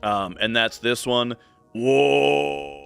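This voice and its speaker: A man's voice: mid-range voice, expressive, unhurried, pushed and bright, no echo, soft background music. A man live streaming from a home setup, chatting casually while gaming, rambling with lots of fillers and restarts into a studio mic. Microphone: studio mic through a desk mixer.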